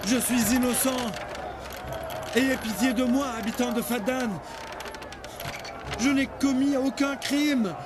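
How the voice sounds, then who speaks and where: An actor dubbing a condemned man who shouts desperate pleas for his life, in a historical drama. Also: extremely high pitch, steady tone, takes it slowly, pauses often, noisy background. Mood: desperate pleading. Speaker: accused prisoner. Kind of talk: French dub of a historical series. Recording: loud music and crowd behind.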